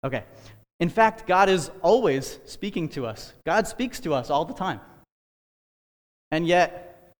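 A man's voice: high-pitched, animated, unhurried, long reverb tail. A man giving an earnest, conversational sermon-style talk on a podcast, with casual asides and fillers. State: out of breath. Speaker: podcast host preaching.

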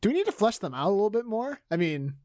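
Higher-voiced man brainstorming, halting delivery. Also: big pitch swings, a crowd in the background. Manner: halting, circling back to rephrase. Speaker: podcast co-host. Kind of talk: casual improv brainstorming chat.

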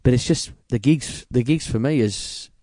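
An Australian man talking casually as an interview guest, informal and a little halting. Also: medium pitch, mellow, dry recording, studio quality. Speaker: interview guest, working musician and teacher. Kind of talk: casual chat.

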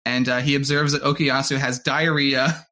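A man in casual chat, recapping a story with halting restarts. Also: medium pitch, little pitch movement, bright, forceful tone.

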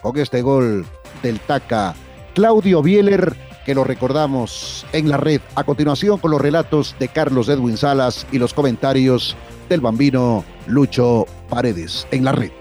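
A man with an Ecuadorian accent presenting sports news as a radio host, in a measured way. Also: medium pitch, a little mellow, faint music behind.

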